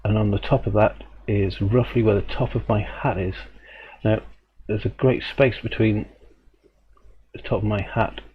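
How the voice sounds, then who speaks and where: A man's voice: lowish voice, steady tone, moderate pace. A man teaching a live drawing stream, talking thoughtfully and rambling a little, often correcting himself and chuckling. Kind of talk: live drawing demo and chat. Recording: dull lo-fi stream audio with faint hum.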